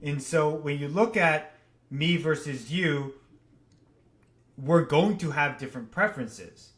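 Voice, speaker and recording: On a podcast he co-hosts, a man who partly grew up in Japan gives blunt, opinionated takes in casual discussion. His voice is on the high side and fairly bright.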